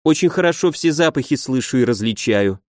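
A man reading an audiobook voices a timid young woman who speaks slowly and thoughtfully. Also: medium pitch, animated, dry recording, studio quality, close to an everyday voice. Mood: musing. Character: timid, wide-eyed young woman with keen sense of smell.

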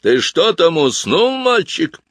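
A man voicing a menacing adult showman villain who shouts in a theatrical, booming way. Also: measured pace, no echo. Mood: mocking.

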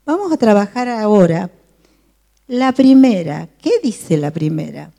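A woman's voice: mid-range voice, expressive, measured pace, vocal fry, warm tone. A woman teaching a Bible study to a group, often asking her listeners questions. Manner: asks the listeners frequent questions.

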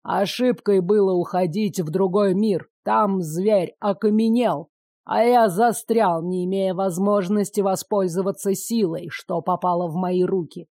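A woman reading an audiobook, voicing a cruel, power-hungry male dark sorcerer who speaks slowly and mockingly. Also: mid-range voice, fairly even intonation, dry recording, studio quality. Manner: slow, gloating, mocking.

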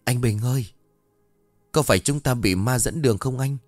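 A man's voice: medium pitch, normal speed, a little mellow, no room sound, faint music behind, pitched above the performer's own voice, natural voice. A man voicing a frightened young village woman. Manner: anxious, pleading.

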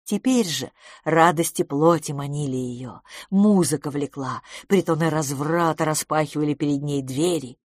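A woman narrating an audiobook in a measured, expressive reading style. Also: deep voice, dry recording, clean studio sound. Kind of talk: scripted narration.

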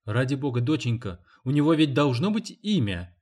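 Man reading an anxious mother, soothing, placating, mid-pitched, storybook. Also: wildly swooping pitch, a little fast. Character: anxious, conciliatory mother of a grown daughter.

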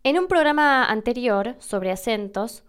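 A young adult woman from Argentina with an Argentine Spanish accent, hosting a podcast and explaining pronunciation slowly and carefully. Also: on the high side, expressive, clean tone. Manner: slow, careful demonstrations of pronunciation. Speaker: podcast host answering listener questions.

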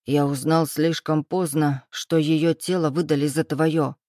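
An audiobook reader voicing a desperate man pleading with the woman he loves, in a low, urgent tone close to the reader's own voice. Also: little pitch movement, measured pace, a little mellow, no echo, close to an everyday voice.

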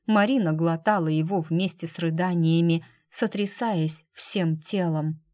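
A woman narrating a novel as an audiobook in a measured, dramatic reading. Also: fairly low pitch, fairly even intonation, warm tone, no echo, studio quality. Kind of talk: scripted narration.

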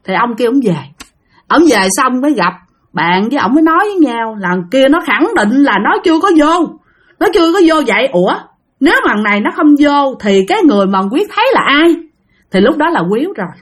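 Husky woman telling ghost stories. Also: high voice, sing-song, brisk. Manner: chatty, talks straight to listeners. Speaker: storyteller. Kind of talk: casual spoken ghost-story telling.

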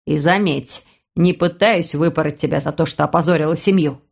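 A woman's voice: low-pitched, moderate pace, gravelly, darkish tone. Woman doing a sneering, domineering uncle. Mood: sarcastic. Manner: mocking, hissing. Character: sarcastic domineering man, the stern uncle.

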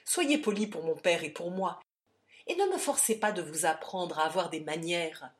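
Woman doing a bullying loud young cousin. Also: lowish voice, lively intonation, moderate pace, natural voice. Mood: mocking. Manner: shouting insults, rough and mocking. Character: brash young male cousin, bullying but loyal.

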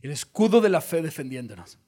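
A male pastor, preaching an animated sermon and addressing the congregation directly. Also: on the high side, a little fast, breathy edge.

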